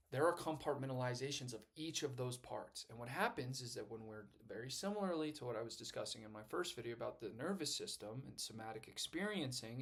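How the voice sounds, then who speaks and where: Young guy just back from the gym, rambling and earnest, swears a lot, normal pitch. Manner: rambling, earnest, swears casually, says "right?" often. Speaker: vlogger. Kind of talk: casual self-help monologue.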